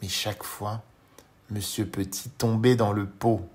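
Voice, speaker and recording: A male storyteller narrating a children's audiobook, slow, gentle and expressive as he addresses a young listener. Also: on the low side.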